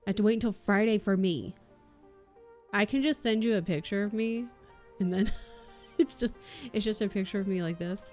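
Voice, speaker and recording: Woman livestreamer, chatty and scattered, laughs a lot, mid-pitched voice. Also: normal speed, pauses often, a little mellow. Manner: giggly, rambling, self-correcting. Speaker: streamer. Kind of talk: casual livestream chat. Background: faint background music.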